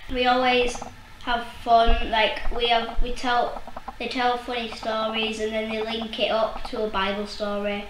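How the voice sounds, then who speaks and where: An animated schoolgirl chats with a slightly high voice inside a classroom. The room echoes, and clear background noise sits under her words. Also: unhurried. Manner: chatty and animated, acts out others' voices. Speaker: pupil. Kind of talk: interview answers.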